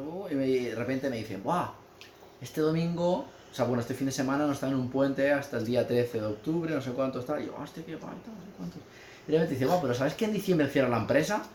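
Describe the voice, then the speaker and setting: A man from Spain telling an animated, exaggerated story in casual chat, ranting and swearing. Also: medium pitch, fast talker. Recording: echoey room with faint background noise.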